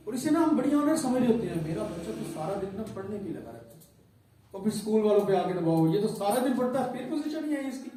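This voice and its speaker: A man's voice: high-pitched, mellow. A man with a Pakistani Urdu accent, leading an interactive parenting workshop and asking the audience questions. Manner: conversational, asks the audience questions. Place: school hall with an audience. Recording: echoey hall from far off.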